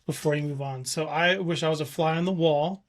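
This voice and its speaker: A man hosts a sports radio interview in a somewhat high voice. He sounds upbeat and keeps affirming his guests. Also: steady tone, brisk. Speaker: radio show host. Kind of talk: interview hosting.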